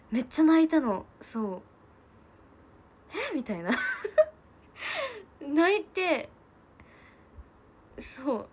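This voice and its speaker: A woman's voice: a little high, slight background noise. A woman in her twenties chatting casually on a livestream, telling family stories and answering comments. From Japan. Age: 20s. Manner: chatty storytelling, answering comments, frequent laughs and soft asides. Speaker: livestream host.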